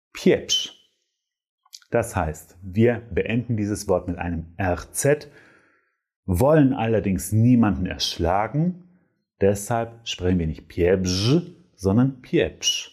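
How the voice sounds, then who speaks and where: A man's voice: lowish voice, a little mellow, slightly rough. A man teaching pronunciation in a patient way, repeating each word several times. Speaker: Polish teacher. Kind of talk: pronunciation lesson.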